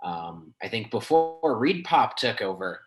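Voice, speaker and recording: A man's voice: fairly low pitch, very animated, measured pace, loud music behind the voice, poor audio. A young man in casual podcast chat who tells stories in a chatty way and laughs as he talks. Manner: chatty storyteller, laughs while talking. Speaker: podcast co-host.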